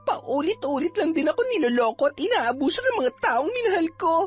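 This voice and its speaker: A woman acting a bitter, hot-tempered young sorceress on the run, sharp-tongued and defiant, in an audio drama. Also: high voice, very animated, fairly quick. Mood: angry, bitter. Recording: dull lo-fi with faint music.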